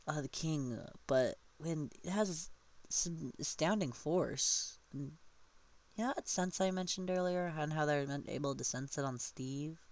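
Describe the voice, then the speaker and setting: A man casually retelling a tabletop game session, rambling and often correcting himself mid-sentence. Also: fairly high pitch. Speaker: storyteller.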